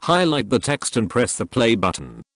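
A man's voice: medium pitch, huge pitch swings, moderate pace, a bit bright, dry recording. A computer-generated male voice reading a scripted tutorial narration. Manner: text-to-speech voice reading a script.

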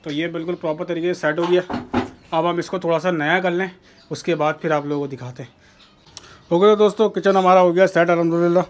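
Male vlogger, chatty and talking to viewers while working, slightly high voice, noisy outdoor phone recording. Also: steady tone, fast talker. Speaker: bird keeper vlogger. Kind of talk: casual vlog narration. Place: rooftop kitchen and bird pens, outdoors. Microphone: handheld phone camera.

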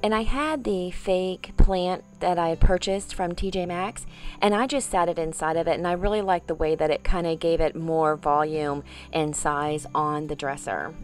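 A woman's voice: fairly low pitch, fairly even intonation, normal speed, soft background music. A middle-aged woman hosting a home decor vlog, explaining a room makeover in a chatty way. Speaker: home decor vlogger, host. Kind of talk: room makeover tour presentation. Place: bedroom, indoors, for the on-camera part.

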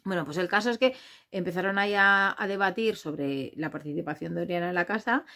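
A woman's voice: on the low side, brisk, bright, forceful tone. Blunt, chatty woman gossiping about reality TV. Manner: outspoken, blunt, swears freely, mimics the contestants. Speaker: reality show commentator. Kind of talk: casual gossip commentary.

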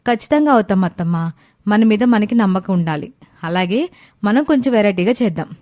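A woman's voice: mid-range voice, expressive, fairly quick, a little mellow, no room sound, studio quality, lightly acted. A woman voicing a carefree young daughter-in-law in a cartoon story, chatty and easygoing. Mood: eager.

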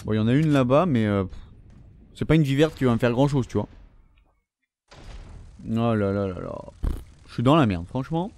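A man's voice: mid-range voice, animated, moderate pace, long pauses, darkish tone. A young man giving let's play commentary, swearing and taunting the enemies as he plays. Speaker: gaming video host. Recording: faint game gunfire underneath.

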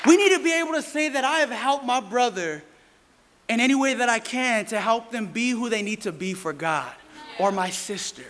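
Into a pulpit stand mic, a man in his thirties preaches a sermon with animated, playful energy, calling out to his congregation at a normal speed. His very high voice rings bright and forceful. The church sanctuary gives a long hall reverb, with faint congregation murmurs and soft music behind him.

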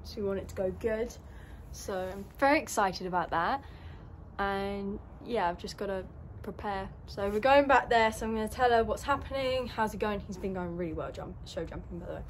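A woman's voice: medium pitch, normal speed, slight background noise. Chatty young woman vlogging. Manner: chatty, upbeat, rambling. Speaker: equestrian vlogger. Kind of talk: casual vlog chat. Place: stable yard, outdoors and in a horse lorry. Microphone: phone held at arm's length.

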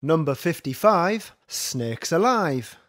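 Slow sing-song bingo caller, a man. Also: a little high, very animated, very noisy. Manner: sing-song calls, each number followed by its rhyme. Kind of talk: bingo number calling.

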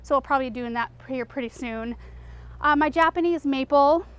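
High-voiced chatty woman touring her garden. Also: fairly quick, fairly bright tone. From Eastern Oregon, US. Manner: chatty, enthusiastic, lots of fillers like "um" and "like". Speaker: garden show host. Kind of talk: casual garden tour walkthrough. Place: outdoor home garden.

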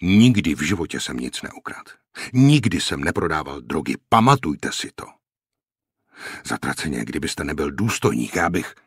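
A man's voice: very deep voice, big pitch swings, breathy edge, no room sound, clean studio sound, heavily acted. A man voicing a cool, defiant American corporal in a prison camp, insolent and mockingly polite. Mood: indignant.

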